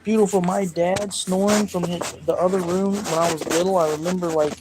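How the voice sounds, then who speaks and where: A man with a somewhat raised pitch talks casually on a livestream. He rambles between jokes and stories and turns sharp and dismissive when he answers trolls in the chat. It is unscripted, easygoing talk. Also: steady tone, a little fast, noisy background. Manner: rambling, jokey, snapping back at chat trolls.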